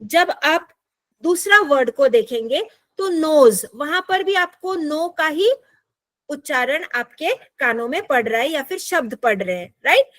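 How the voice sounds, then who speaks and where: A woman's voice: sits high, expressive, unhurried, fairly bright tone, dry recording. A woman teaching an online English class, patiently explaining step by step and checking in with her students. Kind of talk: explaining a lesson, mixing Hindi and English. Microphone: computer mic in an online class.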